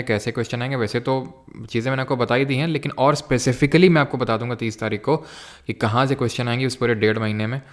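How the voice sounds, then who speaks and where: A young man teaching a live online exam-prep class, mixing Hindi with English terms and answering viewers' chat questions. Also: medium pitch.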